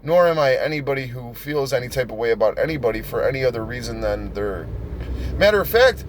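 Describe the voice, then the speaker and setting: A man's voice: medium pitch, expressive, a little fast, slight background noise, poor audio. A man ranting in a confrontational, profane vlog, addressing someone directly. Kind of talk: angry rant vlog.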